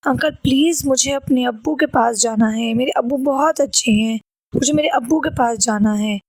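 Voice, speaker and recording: A woman's voice: fairly high pitch, darkish tone, dry recording. A woman voicing a sweet, sad little ghost girl who pleads innocently for help. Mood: pleading.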